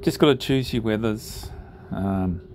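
A man narrating his sailing trip over drone footage in a relaxed, unhurried way, with frequent ums and pauses. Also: fairly low pitch, a little hiss or hum.

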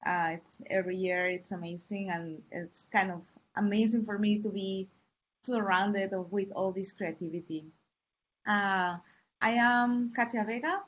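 A woman from Peru, a university lecturer, giving an online class in a friendly, unhurried way with fillers and pauses. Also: mid-range voice. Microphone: computer mic on a video call. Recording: muffled lo-fi call audio.

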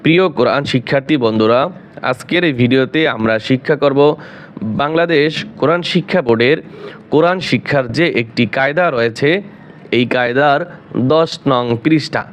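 A man teaching Quran reading, slowly drilling letters and syllables in a patient, drawn-out recitation. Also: mid-range voice, clear, resonant tone. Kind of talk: slow spelling drill lesson.

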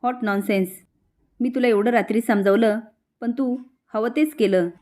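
A woman's voice: on the high side, fairly even intonation, measured pace, a little mellow, lightly acted. A woman voicing a domineering mother who scolds her son insistently, in a spoken soap-story retelling. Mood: scolding.

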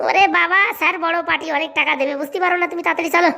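An eager servant man in a cartoon with a very high, squeaky voice, chattering in a hurry. He is excitable and keeps urging everyone along. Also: racing, vocal fry, exaggerated voice. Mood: hurried. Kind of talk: comic cartoon voice acting.

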